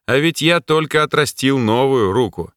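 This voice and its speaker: A man voicing a weary, sharp-tongued male mage in an audiobook, curt and commanding. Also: mid-range voice, expressive, moderate pace, no echo, studio quality, pitched above the performer's own voice, natural voice. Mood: weary irritation.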